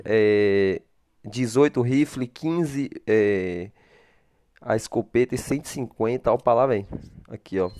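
A man's voice: medium pitch, darkish tone, dry recording. Chatty man narrating gameplay. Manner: chatty, talks to himself in a back-and-forth, blesses viewers. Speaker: gaming channel host.

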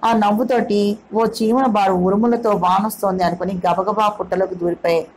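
A woman's voice: medium pitch, normal speed, poor audio. Woman reading a novel aloud. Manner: steady storytelling read. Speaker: audio novel narrator. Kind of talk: scripted narration.

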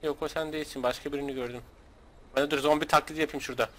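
A man from Turkey hosting a gaming video, chatting casually with a friend while playing, excitable, joking and swearing. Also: on the high side, rapid-fire. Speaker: gaming channel host.

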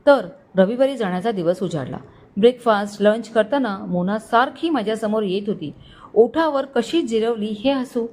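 A woman storyteller reading a romantic story aloud in a steady, expressive way. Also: fairly high pitch. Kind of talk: scripted story narration.

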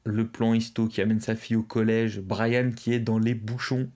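A man's voice: lowish voice, flat delivery, normal speed, a little mellow. A young man hosting a live stream, casually chatting and reading out viewers' messages. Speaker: livestream host. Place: indoors, at a streaming desk.

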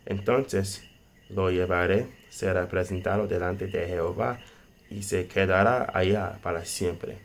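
Young guy w/ preaching in spanish, kinda low voice, really slow and halting, phone in a small room. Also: slight background noise. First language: not Spanish, speaks it as a second language. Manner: halting, non-native phrasing with grammar slips. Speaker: lay preacher. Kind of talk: sermon, reading scripture and explaining it. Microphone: phone at arm's length.

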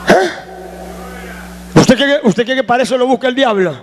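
A male pastor preaching a sermon. He shouts call-and-response lines to the congregation. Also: very high-pitched, moderate pace.

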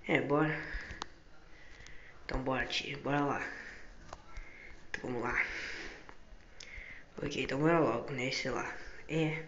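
A man's voice: mid-range voice, steady tone, a little slow, long pauses, a bit bright. A man improvising a casual game role-play, hesitant and repeating his phrases as he goes. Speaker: gaming video creator. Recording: muffled, echoey room with background noise.

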